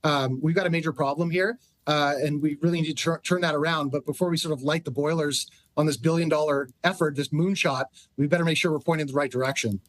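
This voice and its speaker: A man's voice: fairly high pitch, steady tone, fast talker, few pauses, no echo. A man speaking as an expert guest in a news interview, analytical, emphatic and conversational.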